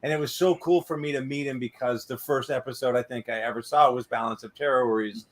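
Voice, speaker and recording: A man's voice: medium pitch, fairly even intonation, fast talker. A man, hosting a podcast and telling rambling anecdotes full of filler tags. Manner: rambling, many "or whatever" tag-ons. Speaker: podcast host. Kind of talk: casual storytelling chat.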